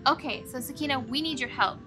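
A woman in her thirties with a fairly high voice teaches young children as a show host. She explains things in an encouraging way, with faint music behind her. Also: fast. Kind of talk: children's educational presenting. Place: small room indoors.

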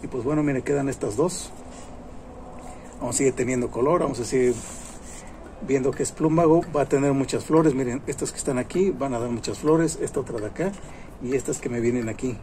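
A man's voice: medium pitch, a little fast, warm tone, a little hiss or hum. A man in his thirties hosting a casual gardening tutorial outdoors in a garden, chatty and repetitive, with many fillers as he talks to the camera. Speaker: gardening channel host. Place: outdoor garden among plants.

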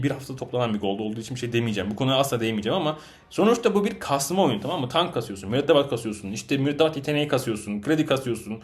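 A man giving live gameplay commentary, answering chat questions and ranting in frustration at his teammates, swinging between loud outbursts and low muttering. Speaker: gaming channel host.

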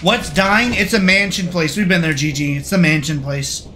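A man's voice: a little high, normal speed, a little hiss or hum. A young man streaming a horror game with friends, chatting casually to his viewers. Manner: excitable, laughing, talks to chat. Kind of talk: casual gaming chat.

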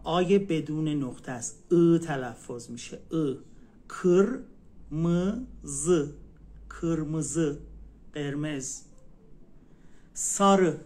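A man teaching a language in a casual live stream, patiently repeating words slowly. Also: fairly high pitch, a little mellow.

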